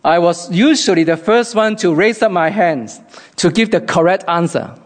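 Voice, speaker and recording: A man's voice: high voice, animated, moderate pace. Earnest Hong Kong-accented man. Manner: earnest, reflective. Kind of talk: devotional talk.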